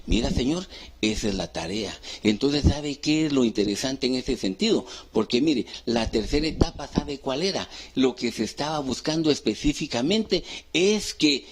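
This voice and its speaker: A man preaching a sermon as pastor, asking the congregation questions and answering them himself, swinging between loud rising calls and hushed low phrases. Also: expressive, moderate pace. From Guatemala. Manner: call-and-response questions to the congregation.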